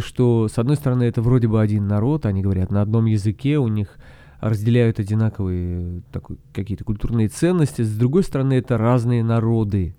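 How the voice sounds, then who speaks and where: A man hosting a solo podcast, explaining things in a reflective, halting, conversational way. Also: on the low side, warm tone, clean tone, no echo. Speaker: podcast author and host.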